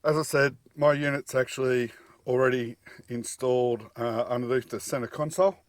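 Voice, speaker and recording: The host of a DIY four-wheel-drive channel, a middle-aged Australian man, speaks at a moderate pace with medium pitch and fairly even intonation, with no echo. His vlog is a casual, matter-of-fact unboxing and installation walkthrough. It's filmed in a backyard and later inside a car cabin.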